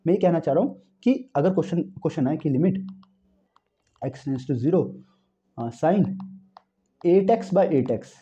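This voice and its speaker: A young man giving an animated exam-prep math lecture, repeating key phrases and talking to students as friends. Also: high voice. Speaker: math teacher.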